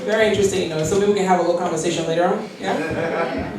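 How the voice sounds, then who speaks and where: A Liberian woman in her forties delivers a keynote as a personal story, earnest and storytelling, with quoted prayers and light laughs. Her lowish voice is steady but racing, and the recording is from far off in a very echoey hall with heavy background noise.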